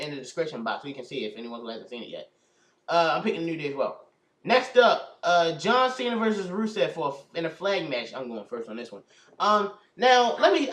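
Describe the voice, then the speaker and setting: Fast-talking young man in an echoey room. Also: on the high side, fairly bright tone. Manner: rambling, self-correcting, restarts often. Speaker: host of a prediction video. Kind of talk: casual wrestling predictions chat. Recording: echoey room, mic far off.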